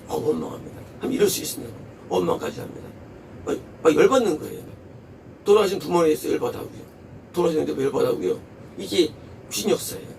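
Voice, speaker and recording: A man's voice: a little high, creaky, a little mellow, distant mic, a little hiss or hum. A male pastor preaching a sermon in an emphatic way, posing rhetorical questions and repeating words for stress. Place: church.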